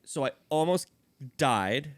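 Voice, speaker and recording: A man's voice: a little high, animated, takes it slowly, dry recording. A young man co-hosting a podcast, telling loose, profane stories in casual chat. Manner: loose, profane storytelling with frequent laughter. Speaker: podcast co-host.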